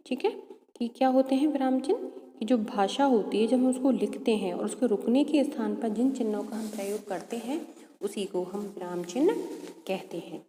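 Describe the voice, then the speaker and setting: A woman's voice: on the high side, warm tone. A woman teacher giving a patient grammar lesson to children, often checking they follow. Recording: echoey room with long reverb.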